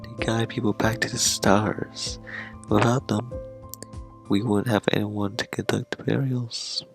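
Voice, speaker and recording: A man voicing a patient mother who explains things softly, as he reads a game's dialogue aloud. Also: lowish voice, level tone, unhurried, creaky, soft background music. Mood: gentle. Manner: soft, reassuring.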